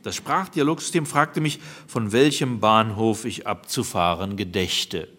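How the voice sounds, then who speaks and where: A man's voice: on the low side, measured pace, a bit bright. A man reading a first-person story aloud in a dry, wry manner. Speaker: narrator.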